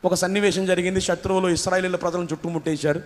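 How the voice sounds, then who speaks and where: A man's voice: sits high, little pitch movement, rapid-fire. A man preaching a sermon as pastor, firing rhetorical questions and calling on the congregation to repeat phrases after him. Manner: call-and-response preaching, asks congregation to repeat; rhetorical questions, rising intensity. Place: church hall. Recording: reverberant church hall.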